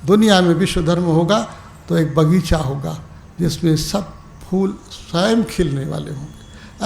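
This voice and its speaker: During an evening spiritual discourse, a teacher with a high, gravelly voice switches between soft, unhurried asides and rising exhortation. He refers to his listeners as "my brother" and "my dear," and the hall lends the sound an echo.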